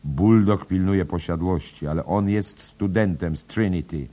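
A man voicing an anxious middle-aged man who talks urgently and persuasively to calm others. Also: sits low, unhurried, voice pushed up.

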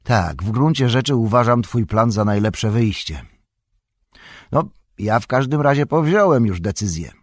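A man voicing an irritable, possessive old male hobbit in an audiobook, in a higher, agitated voice. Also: animated, dry recording, clean studio sound. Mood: wistful. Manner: higher, louder, quick and agitated. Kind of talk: audiobook character voice.

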